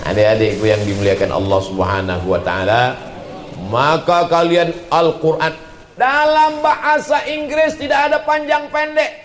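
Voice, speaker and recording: High-voiced man preaching in echoey hall. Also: slight background noise. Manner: animated, chanting Quran recitations slowly. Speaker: Islamic preacher. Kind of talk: religious lecture.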